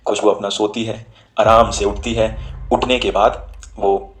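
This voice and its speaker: A man's voice: lowish voice, little pitch movement, a little slow, poor audio. Chatty man telling a spooky story. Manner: chatty, mixes Hindi with English words, plays the characters' lines. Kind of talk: casual spoken horror story.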